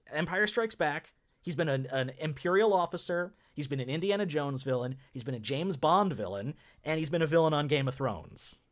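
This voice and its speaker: Chatty male podcast co-host. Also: on the high side. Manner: chatty, rambling, laughs while talking. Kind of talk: casual film-review chat.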